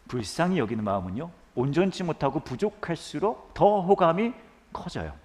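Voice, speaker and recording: A man's voice: medium pitch, a little mellow, long reverb tail. A male pastor giving a conversational sermon to a congregation in a church, asking them questions.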